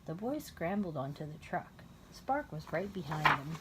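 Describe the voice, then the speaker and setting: A woman reading a children's story aloud, pausing to explain things simply and patiently to a young child. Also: deep voice, big pitch swings, heavy background noise. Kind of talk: read-aloud story narration with casual asides to a child.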